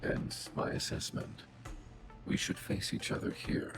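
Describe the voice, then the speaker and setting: A man voicing an old, logical, protective combat robot in a game, with formal, measured speech and robotic processing. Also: over music. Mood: calm, logical. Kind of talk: video game voice acting.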